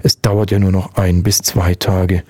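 A man voicing a young new father, soft-spoken and fussing over his wife. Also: low voice, little pitch movement, a little slow, slightly rough, no room sound. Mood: affectionate.

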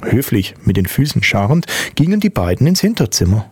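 A man narrating an audiobook in a measured, descriptive reading. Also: medium pitch, big pitch swings, breathy edge, no echo.

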